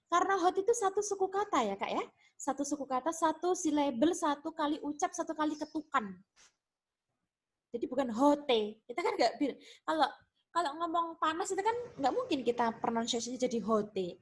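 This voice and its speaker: A woman's voice: sits high, expressive, moderate pace. A young woman teaching English grammar in a casual online lesson, chatty and repeating examples with frequent tag questions.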